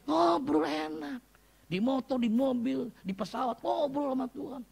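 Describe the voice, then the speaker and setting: A man in his fifties preaching from the pulpit with a strikingly high, gravelly voice. His delivery swings from loud, rousing exhortation to quiet, confiding asides as he tells stories. The tone is husky and rough-edged throughout. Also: a little slow. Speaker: pastor. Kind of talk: sermon.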